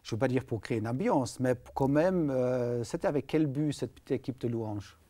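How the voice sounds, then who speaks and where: A man's voice: medium pitch, normal speed, dark tone. A man hosting a studio interview, chatty and often finishing his guest's sentences. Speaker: host.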